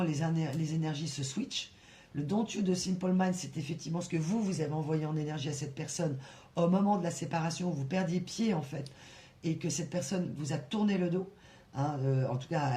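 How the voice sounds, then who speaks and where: A woman giving a casual tarot reading, talking in an animated way and full of restarts and fillers. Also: low-pitched. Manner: breaks into soft sung song lines. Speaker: tarot reader.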